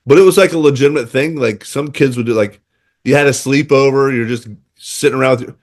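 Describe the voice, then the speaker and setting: A man co-hosting a sports podcast, telling stories in a chatty, animated way with many fillers. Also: medium pitch, fast talker. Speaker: podcast co-host. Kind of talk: casual sports chat.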